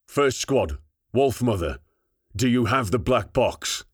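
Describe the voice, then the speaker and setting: Man doing a male army colonel, brisk radio commands, husky, dry close sound. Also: mid-range voice, lively intonation, dry recording, voice pushed up. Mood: commanding.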